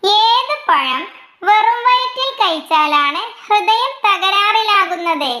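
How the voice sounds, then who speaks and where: A woman reading out quiz questions, their options and the answers in a slow, measured way, dropping her pitch for each list of options. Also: animated, pushed and bright, echoey room. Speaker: quiz reader.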